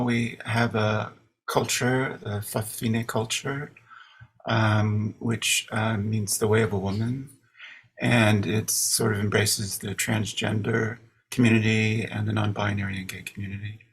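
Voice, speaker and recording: A husky, gravelly man from American Samoa talks slowly on an academic panel. He hesitates, filling pauses and restarting his sentences as he goes. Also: on the low side, little pitch movement, a bit bright. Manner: halting, many fillers and restarts. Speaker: artist and poet, panelist. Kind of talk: unscripted panel talk.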